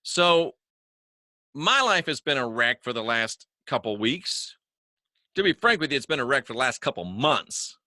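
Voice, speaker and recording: A man's voice: medium pitch, big pitch swings, normal speed, sharp tone, dry recording, clean studio sound. A man hosting his own religious talk show, speaking casually and folksily to viewers, joking, chuckling at himself and repeating words for emphasis. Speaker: online religious talk host. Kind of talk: casual spoken monologue to viewers. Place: home studio he calls the bunker.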